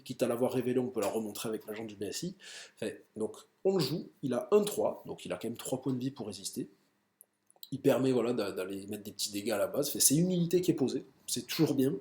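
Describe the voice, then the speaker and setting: A man casually explaining card game decks with enthusiasm, full of fillers and quick self-corrections. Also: mid-range voice, darkish tone, reverberant. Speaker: card game deck presenter.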